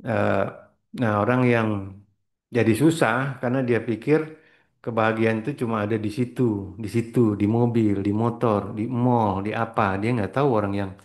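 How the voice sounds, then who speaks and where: A middle-aged spiritual trainer gives a casual motivational talk, speaking briskly in a low voice with fairly even intonation. He rambles, slips in English words and keeps clearing his throat.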